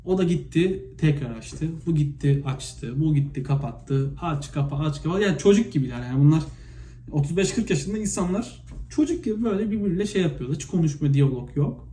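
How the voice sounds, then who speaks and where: A man from Turkey talks to his viewers in a loose, spontaneous vlog monologue, piling up fillers and acting out stories with sudden animated bursts. His voice is very dark and mellow but pitched slightly high. The room is echoey, with a faint hiss of noise behind him. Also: fairly quick. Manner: chatty, animated retelling with many fillers. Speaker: vlogger.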